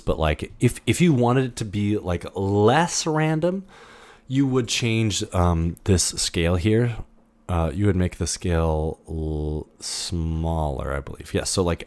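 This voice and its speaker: Low-voiced man teaching software. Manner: relaxed, thinking aloud with many fillers and restarts. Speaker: instructor. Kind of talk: screen-recorded software tutorial.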